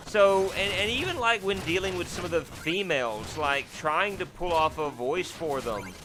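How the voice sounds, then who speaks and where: Faint game music plays as this man, hosting a let's play, offers rambling, self-deprecating commentary packed with fillers and restarts. His voice is fairly deep, and he now and then lets out sudden, startled yelps.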